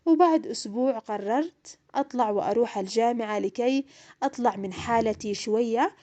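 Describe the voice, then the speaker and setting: A woman's voice: on the high side, brisk, warm tone, muffled recording. A young woman narrating her own painful story in the first person, in an emotional, plaintive way. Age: young adult.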